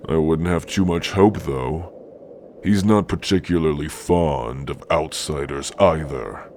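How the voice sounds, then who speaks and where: A massive orc warrior speaks in an extremely deep voice, slow and stern, using archaic, menacing phrasing laced with dark amusement. It's an ASMR fantasy roleplay with some background noise behind him, and his mood is stern and threatening.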